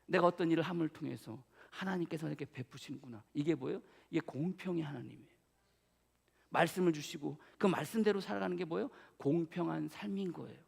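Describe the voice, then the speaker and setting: A man delivers a sermon with a high, gravelly voice that carries through a church hall with a long reverb. He tells stories playfully, teasing himself and questioning the congregation. He jumps from loud exclaiming to hushed, breathy whispers. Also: fast talker. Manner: playful, self-mocking, asks the congregation questions. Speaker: pastor. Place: church sanctuary.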